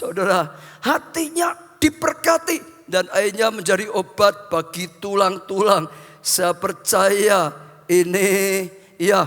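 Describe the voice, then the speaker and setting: A man's voice: sits high, fairly bright tone. A male pastor preaching a sermon, repeating phrases and addressing the congregation directly. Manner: repetitive, addresses the congregation as brothers. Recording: long hall reverb, faint music.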